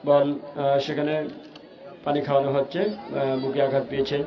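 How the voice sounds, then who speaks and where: A Bangladeshi man giving excited, urgent live football commentary, repeating stock phrases as he follows the play. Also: mid-range voice, moderate pace, lo-fi sound, crowd noise. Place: outdoor football ground.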